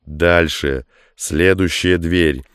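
A man's voice: low-pitched, drawn-out words, a bit bright, smooth, dry recording, clean studio sound, full character voice. A man voicing a curt, commanding soldier. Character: gruff male soldier leading a breakout.

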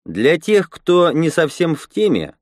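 A smug male rebel leader addressing his crowd, lively and a touch raised, as a male narrator puts him on. He sounds pleased with himself in a dry, close reading. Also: a little high, measured pace, no echo, voice pushed up. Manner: speechmaking, smug.

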